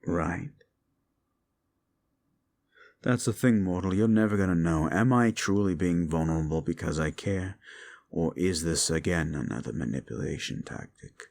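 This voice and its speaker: A man voices a fallen demon in an audio roleplay, brooding and scornful, with a deep, gravelly voice that's a little mellow. His delivery is slow, and he sounds bitter.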